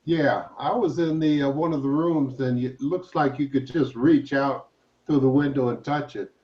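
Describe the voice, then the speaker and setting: A man's voice: mid-range voice, moderate pace, darkish tone. Distant, muffled man in casual chat. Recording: muffled, distant video-call microphone.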